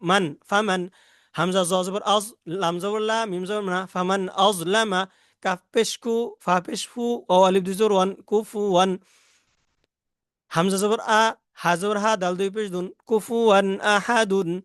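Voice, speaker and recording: A man with a Bangladeshi accent teaching Quran reading rules, spelling out Arabic letters and vowel marks in slow, repetitive drills. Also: high voice, steady tone, fairly bright tone, clear, resonant tone, no echo, clean studio sound.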